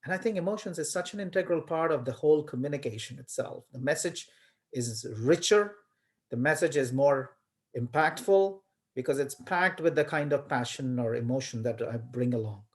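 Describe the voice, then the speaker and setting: A man's voice: on the high side, moderate pace. A man from India, a college lecturer giving an online class on a video call, talking with emphasis and many fillers and repeated words. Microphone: webcam on video call.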